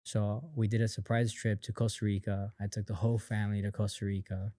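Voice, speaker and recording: A company founder, appearing as a podcast guest, tells a family story in an interview with a low, mellow voice. His talk is loose and conversational, full of fillers, and he acts out other people's lines along the way, speaking fairly quickly in a flat delivery. The recording is close and dry, with no echo or room ring.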